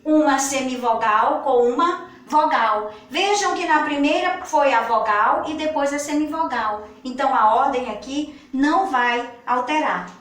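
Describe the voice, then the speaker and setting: Slow, patient teacher woman in an echoey room. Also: sits high, a bit bright. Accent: Brazilian Portuguese. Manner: slow, patient, stretches out words. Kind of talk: children's grammar lesson. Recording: echoey room, far from the mic.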